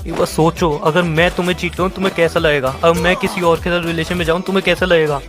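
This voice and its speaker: A man's voice: fairly high pitch, flat delivery, fast. A young man on a voice call, crying as he pleads with and accuses his partner in Hindi-language chat. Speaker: gamer chatting with his partner. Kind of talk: emotional voice-chat argument. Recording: music playing underneath.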